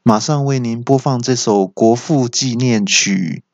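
Male comic voicing a cheeky, scatterbrained car navigator with a Taiwanese Mandarin accent, slow mock announcer read, dull dry sound. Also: medium pitch, a little mellow, no echo, lightly acted. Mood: smug calm. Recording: slightly dull, dry recording.

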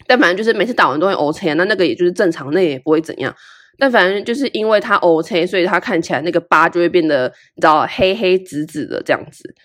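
A young woman, hosting a podcast and telling a personal story in a candid, casual way. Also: quick pace. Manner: candid and animated, with big swings in pitch. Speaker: podcast host.

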